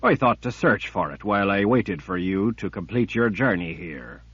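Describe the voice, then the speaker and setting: A man voicing a cruel, patient male emperor villain who speaks in a cold, deliberate, menacing way. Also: fairly low pitch, animated, a bit bright, husky, no room sound. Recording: dull lo-fi recording.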